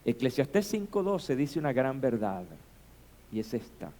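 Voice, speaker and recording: A man's voice: medium pitch, big pitch swings, measured pace. Pastor man preaching, emphatic. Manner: preaching with rising, shouted emphasis and rhetorical questions. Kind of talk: sermon.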